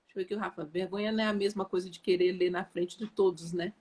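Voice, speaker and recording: A woman educator talking casually on a live stream, lively, often repeating words and checking whether listeners follow. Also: lowish voice, very fast, breathy edge. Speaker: educator and guest on an Instagram live.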